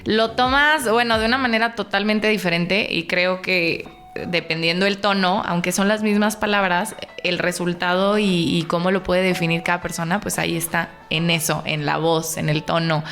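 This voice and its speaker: A woman's voice: on the low side, steady tone, moderate pace, a bit bright, faint music behind. A woman, a podcast guest who agrees readily and explains with everyday examples. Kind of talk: casual podcast discussion.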